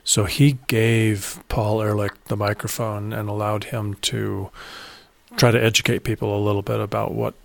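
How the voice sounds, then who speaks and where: A man hosting a podcast, talking in a steady, matter-of-fact, explanatory way. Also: lowish voice, moderate pace, gravelly, no room sound. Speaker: podcast host. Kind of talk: casual podcast chat.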